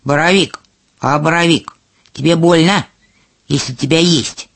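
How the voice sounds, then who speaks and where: A woman's voice: sits low, unhurried, creaky, dry recording, exaggerated voice. A woman voicing a hungry little peasant boy who reassures his sister and politely asks mushrooms whether eating them hurts. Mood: questioning. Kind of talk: storybook reading.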